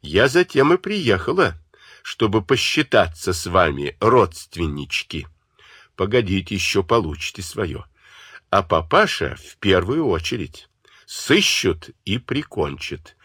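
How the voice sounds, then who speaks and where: A husky-voiced man doing a furious, scornful young woman in a storybook, flinging accusations with a lively rise and fall. The voice is low at its base, set in a dry, close sound. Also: measured pace, no room sound, exaggerated voice. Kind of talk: audiobook character voice.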